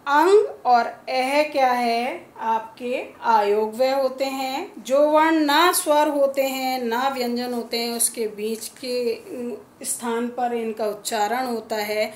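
Hindi-accented lady teacher, kinda high voice, goes real slow, echoey classroom. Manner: slow, patient, repeats sounds one by one. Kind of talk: classroom lesson on pronunciation. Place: school classroom.

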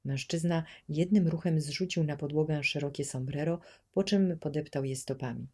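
A woman narrating an audiobook in a steady, measured storytelling manner. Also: sits low, slightly rough. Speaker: audiobook reader.

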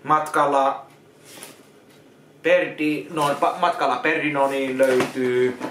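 A man's voice: medium pitch, level tone. A man talking casually in a vlog as he goes through donated films, repeating words, restarting and giving plain verdicts. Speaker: vlogger unboxing donated films. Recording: echoey room with loud noise.

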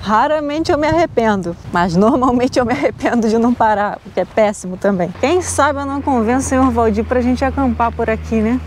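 A woman with a Brazilian Portuguese accent narrates her road trip in a relaxed, chatty vlog voice, sitting a little high in pitch. She jokes easily with her travel partner. The recording carries loud road and vehicle noise underneath. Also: brisk, hardly any pauses. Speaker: travel vlogger. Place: on a road trip, in and around a car.

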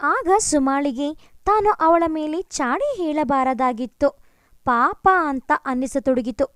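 A woman's voice: sits high, slow pace, fairly bright tone, no room sound, clean studio sound. A woman narrating a family story, reading steadily and expressively.

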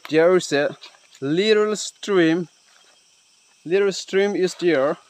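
A man narrating an outdoor exploration vlog in halting, short, repeated phrases. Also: high voice. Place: outdoors on riverbed, hillside and forest.

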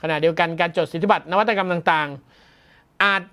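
A male tech news host talks through the story in a loose, conversational way. He sounds amused and chuckles often, slowing down when he reads out technical terms. The delivery is casual and reactive, not scripted. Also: on the high side. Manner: chatty and amused, laughs often, mock-shouts.

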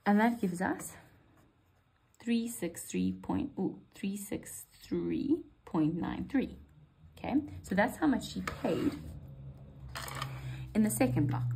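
Woman, maths teacher, husky, patient and reassuring. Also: mid-range voice, mellow, rough recording. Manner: reassuring, patient, talks to students directly. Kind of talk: step-by-step exam walkthrough.

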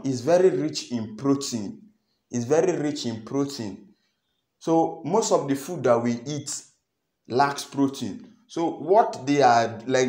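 A man's voice: mid-range voice, darkish tone. Nigerian man explaining in an echoey room. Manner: repeats phrases, earnest and explanatory. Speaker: farming channel host. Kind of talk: instructional vlog talk to camera. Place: small indoor room.

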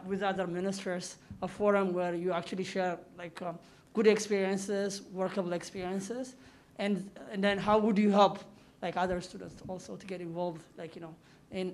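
A young man from Ethiopia, a PhD student in the audience, asking a rambling question heavy with fillers. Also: high voice. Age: young adult. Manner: rambling, heavy with "like, you know".

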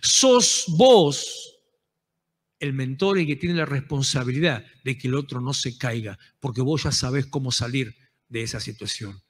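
A man with a Rioplatense Spanish accent preaching a sermon as pastor, impassioned and rising to shouted calls to the congregation. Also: medium pitch, lively intonation, unhurried, breathy edge, long reverb tail. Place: church.

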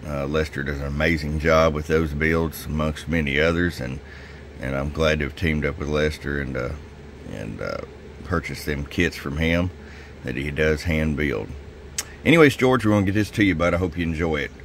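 A man's voice: extremely low pitch, normal speed, a bit bright, slight background noise. A man who runs a radio shop, giving a casual tune-up report in a folksy, chatty way and speaking straight to his customer.

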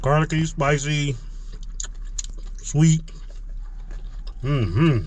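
A man's voice: a little high, extremely slow. Man chewing while talking, savoring food. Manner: relaxed, slangy, savoring food aloud. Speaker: food vlogger. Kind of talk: casual mukbang vlog. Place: inside a parked car.

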